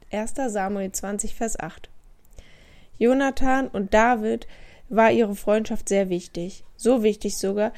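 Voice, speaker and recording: A woman's voice: a little high, warm tone. A woman giving a scripted Bible devotional, asking the listener questions directly. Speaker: devotional speaker.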